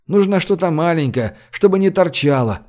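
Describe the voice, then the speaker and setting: A man's voice: on the high side, animated, normal speed, mellow, pitched above the performer's own voice, lightly acted. A male narrator voicing a worried, protective man who fusses anxiously over others.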